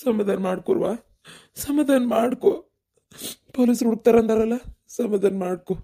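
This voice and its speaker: A woman's voice: a little high, moderate pace, creaky, warm tone. A woman voicing a worried mother in a cartoon, soothing her daughter in a North Karnataka Kannada accent. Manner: soothing, pleading. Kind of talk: cartoon voice acting.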